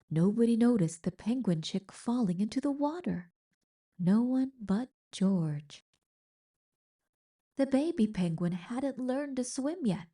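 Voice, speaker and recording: Reading from a children's picture book, this storyteller uses a fairly high-pitched voice. She delivers the tale with deliberate pacing and plenty of expression.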